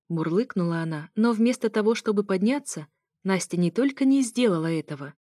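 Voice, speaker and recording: A woman reading a first-person story aloud as scripted narration, in a steady storytelling manner. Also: medium pitch, no echo, studio quality. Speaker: audiobook reader.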